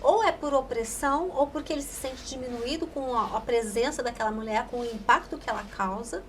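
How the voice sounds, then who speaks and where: A woman hosting a podcast interview, asking emphatic, animated questions. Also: fairly high pitch, fairly quick, a little hiss or hum. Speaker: podcast host.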